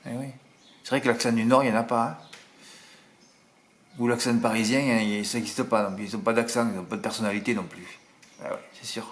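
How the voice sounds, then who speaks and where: A man from southern France with a Marseille accent chats casually as a horse racing tipster in a self-mocking monologue, tagging his sentences with little asides. His voice is on the low side and steady in tone, brisk but with long pauses, recorded in an echoey room.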